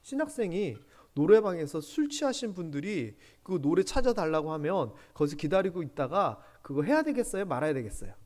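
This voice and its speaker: A man's voice: on the high side, sing-song, brisk, few pauses, a little mellow. A man in his forties preaching a sermon in a church, telling stories with animation, asking the congregation questions and dropping to whispered asides. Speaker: pastor. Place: church sanctuary.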